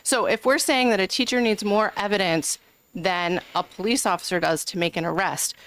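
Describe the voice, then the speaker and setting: In a low-quality recording with no echo, a woman legislator presents an amendment during committee testimony. Her voice is medium-pitched and fairly bright, with fairly even intonation and a moderate pace, as she earnestly argues her case with many ums.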